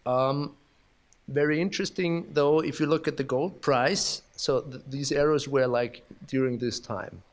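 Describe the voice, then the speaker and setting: In a steady, medium-pitched voice with an Austrian accent, a man gives a keynote in a conference hall. He halts often, restarts and uses fillers, and pokes fun at himself.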